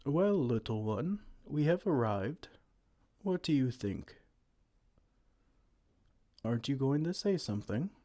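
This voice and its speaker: Slow, soft and soothing, a man's mellow, dark voice brings to life a kind giant tending a tiny human in ASMR roleplay. He's very animated, his pitch rising and falling warmly as he offers tender pet names.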